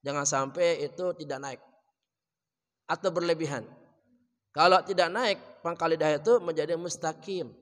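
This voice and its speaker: Man chanting verses in reverberant hall. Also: a little high. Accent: Indonesian. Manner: chants verses melodically, then explains pronunciation softly and quickly. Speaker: Quran teacher. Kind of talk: Quran recitation lesson in a mosque. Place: mosque hall.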